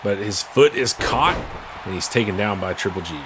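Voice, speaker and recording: Male wrestling commentator over clear background noise. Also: fairly low pitch, lively intonation, normal speed. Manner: calls the action in short bursts.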